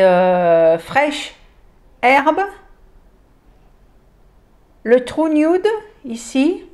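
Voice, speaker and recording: A woman's voice: sits high, a little mellow. A woman casually showing makeup palettes on her channel, hesitant with many fillers and enthusiastic about the colors. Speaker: beauty vlogger. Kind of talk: casual product haul chat.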